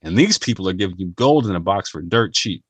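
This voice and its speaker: Low-voiced earnest man vlogging. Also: expressive, fast, slightly rough, no room sound. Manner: earnest, slangy, repeats and restarts phrases. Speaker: channel host. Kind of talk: casual talk to camera.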